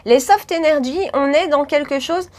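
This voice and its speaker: A woman's voice: high voice, normal speed, darkish tone. A woman chatting through a makeup tutorial, laughing often and correcting herself as she goes. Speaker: beauty vlogger.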